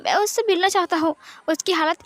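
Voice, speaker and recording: A woman's voice: very high voice, fairly even intonation, brisk, pitched above the performer's own voice. A woman narrator voicing a frightened, confused young man who keeps asking what he did wrong. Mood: confused pleading. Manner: pleading, anxious questions.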